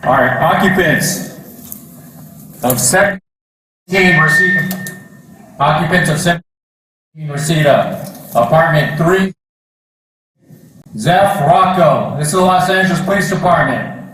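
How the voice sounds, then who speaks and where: A male police officer slowly calling orders to a suspect to come out and surrender. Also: on the high side, fairly bright tone. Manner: commanding, slow, repetitive orders. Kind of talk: loudspeaker commands to a suspect. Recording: echoey and distant.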